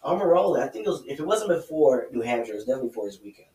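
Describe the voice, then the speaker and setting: A man's voice: medium pitch, very animated, rapid-fire, warm tone. A man co-hosting a casual motorsport podcast, talking in a hesitant way with many fillers and restarts. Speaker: podcast co-host. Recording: roomy, distant mic.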